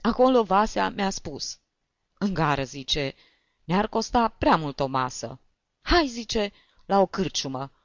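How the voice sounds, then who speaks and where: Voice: medium pitch, a bit bright, clear, resonant tone, no room sound, dull audio, natural voice. A reader voicing a weepy, flustered male tutor who sobs and strains as he complains, in a storybook reading. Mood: tearful. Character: weepy flustered male tutor, tipsy trip gone wrong.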